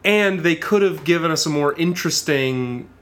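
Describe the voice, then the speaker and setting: Male podcast co-host, casual and animated, laughs easily, restarts sentences. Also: fairly high pitch, normal speed. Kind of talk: casual chat.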